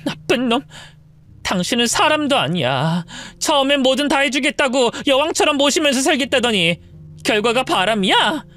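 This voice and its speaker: A betrayed, furious wife with a raised, lively voice , as a woman reader puts her on. She argues indignantly in a storybook-style audio drama. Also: high-pitched, normal speed, voice pushed up. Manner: indignant, pleading. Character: wronged wife with a limp, shaken and furious.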